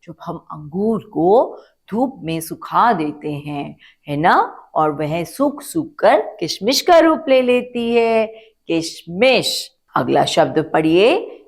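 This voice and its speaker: A woman's voice: mid-range voice, big pitch swings. A woman teacher giving a children's phonics lesson, stretching out syllables and asking the kids to repeat words. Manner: slow, drawn-out syllables, asks children to repeat.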